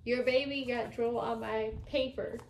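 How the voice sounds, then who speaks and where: A woman vlogger playing a whisper challenge game with her sister-in-law, mouthing phrases slowly and deliberately. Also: on the high side, fairly even intonation. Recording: echoey room with background noise.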